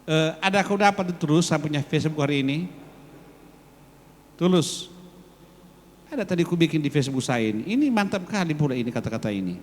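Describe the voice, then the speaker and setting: A man leading a congregation, coaxing and repeating phrases slowly for emphasis while calling out to the men. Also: a little high, expressive, slight background noise. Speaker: worship leader addressing the congregation. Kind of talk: lively sermon-style exhortation. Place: large church hall. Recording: long church hall reverb.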